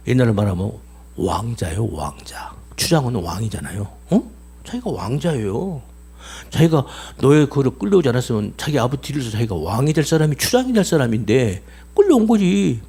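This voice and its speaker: A man's voice: mid-range voice, fairly quick, vocal fry, husky. A man preaching a sermon, telling a story with many repetitions and questions to the congregation. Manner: animated, repeats himself, asks the congregation questions. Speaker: pastor.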